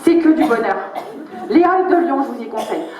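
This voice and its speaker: A woman's voice: on the high side, animated, quick pace, noisy background, lightly acted. A woman performing a crude, spiteful old grandmother in a comedy monologue, foul-mouthed and gleefully mocking. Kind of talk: stand-up character monologue. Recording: dull, echoey room sound.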